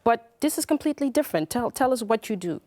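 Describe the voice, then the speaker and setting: A woman's voice: fairly high pitch, animated, fast, dark tone, dry recording. A woman interviewing in a casual, conversational way, encouraging her guest with short affirmations.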